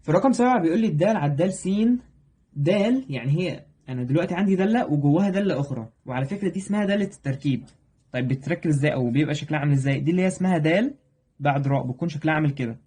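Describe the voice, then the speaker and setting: Young man, Egyptian accent, math tutor, rapid-fire delivery, husky mellow voice. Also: on the high side. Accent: Egyptian Arabic. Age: young adult. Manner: rapid, keeps checking in with "تمام؟". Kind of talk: exam review lesson.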